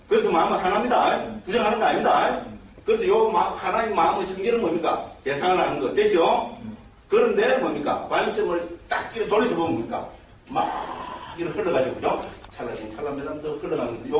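A man teaching as a Buddhist monk, his voice sitting a little high for a man. He lectures in a lively way and keeps asking his listeners quick questions. The sound comes from a mic set well back in a very echoey hall. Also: distant mic, a little hiss or hum. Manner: lively, checks in constantly with rhetorical questions. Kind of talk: dharma lecture. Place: temple education hall.

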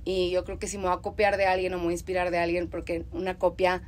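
A woman's voice: lowish voice, completely flat delivery, fast. A young woman with a Mexican accent, hosting a casual interview, who agrees readily and laughs often. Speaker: host.

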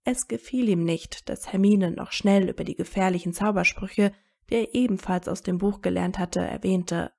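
Woman reading a story, dark gravelly tone. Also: mid-range voice, moderate pace. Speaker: fan fiction reader. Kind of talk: audiobook reading of fan fiction.

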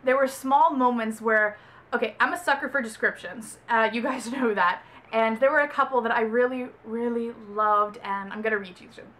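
A woman's voice: a little high, moderate pace, fairly bright tone. A young woman from Texas chatting casually about a book she read, rambling and correcting herself as she goes. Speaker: book reviewer. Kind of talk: casual book review vlog.

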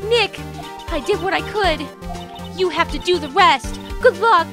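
Teenage girl sidekick, a woman voicing her, very high voice, shrill, insistent, game music behind. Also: measured pace. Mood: earnest. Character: spunky teenage girl spirit-medium sidekick, loyal.

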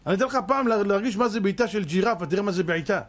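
A man, a rabbi, preaching a sermon with fervor and firing off rhetorical questions, swinging between hushed and loud delivery. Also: high voice. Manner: addresses the audience as "gentlemen".

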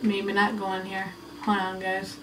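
A woman's voice: medium pitch, monotone, a little slow, recorded from a distance, noisy background. A woman giving casual, teasing commentary while playing a video game. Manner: chatty, teasing, talking to viewers. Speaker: game player.

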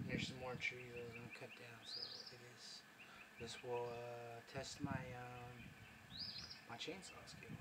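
A man narrating his own tree cutting on his phone camera outdoors, talking casually and haltingly with many fillers. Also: medium pitch, little pitch movement. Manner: rambling, hesitant, with many fillers. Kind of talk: casual self-filmed narration. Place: outdoors by trees and power lines. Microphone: phone camera held by the speaker. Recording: loud outdoor noise.

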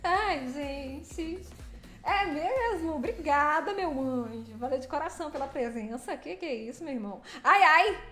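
A woman's voice: high voice, lively intonation, measured pace, pushed and bright, reverberant. A woman chatting casually on a livestream while driving, playfully greeting viewers by name. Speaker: livestreaming truck driver. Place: vehicle cab while driving.

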